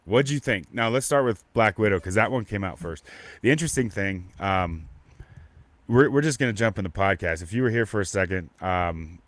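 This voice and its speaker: A man's voice: fairly low pitch, normal speed, a bit bright, no room sound. A man hosting a casual live podcast, talking in a rambling, stop-start way with lots of restarts and fillers. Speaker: podcast host. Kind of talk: casual live-stream chat.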